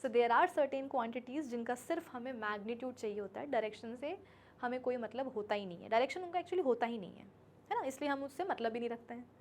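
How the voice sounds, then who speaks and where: A woman's voice: on the high side, fairly quick, darkish tone, slight background noise. A woman teaching a physics class, chatty, acting out little scenes and her students' replies, often checking that they understand. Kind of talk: classroom lecture in Hindi with English terms.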